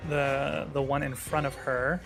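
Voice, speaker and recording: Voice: medium pitch, level tone, a little slow, creaky, over music. A tabletop game player talking over an online voice call that keeps cutting in and out, speaking hesitantly with restarts. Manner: hesitant, hemming and hawing. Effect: online voice chat cutting in and out. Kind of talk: casual tabletop game chat. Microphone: online voice call mic.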